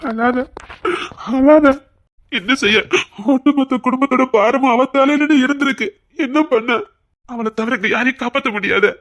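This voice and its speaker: A family elder calmly consoles and gently scolds a crying relative, played by a woman in a comic skit. She speaks with a Tirunelveli Tamil accent in a fairly high voice. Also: moderate pace, long pauses, lightly acted. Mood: consoling.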